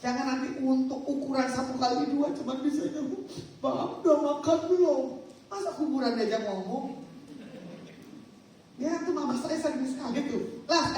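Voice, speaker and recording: Woman pastor, middle-aged, animated coaxing sermon, high voice, distant mic. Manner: animated, coaxing, teasing the congregation. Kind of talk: sermon and prayer ministry. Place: church hall. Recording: echoey hall from far off, faint noise.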